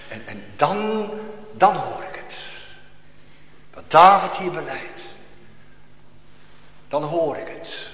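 A man preaching a fervent sermon as pastor, with hushed, drawn-out passages. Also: high voice. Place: church. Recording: echoey church hall.

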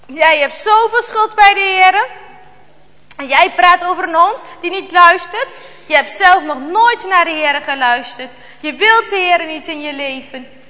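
A woman's voice: extremely high pitch, animated, measured pace, bright, forceful tone, long reverb tail, heavily acted. A woman reading a story aloud, voicing a frightened, guilt-stricken father who speaks in an anguished, pleading way.

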